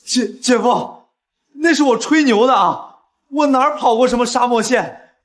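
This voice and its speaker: A man's voice: very high voice, moderate pace. An actor playing a boastful, cowardly young man, the boss's brother-in-law, who whines and pleads. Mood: pleading. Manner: whiny, pleading, defensive.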